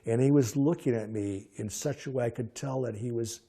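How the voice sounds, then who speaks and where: An older man recalling personal memories as a lively storyteller, often halting and restarting his sentences. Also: mid-range voice, gravelly, husky. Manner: halting, frequent restarts and fillers.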